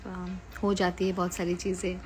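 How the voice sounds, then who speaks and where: A woman hosting a casual live chat with fans, relaxed and laughing often, mixing Hindi and English. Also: fairly low pitch, normal speed, noisy background. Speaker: live-stream host chatting with fans.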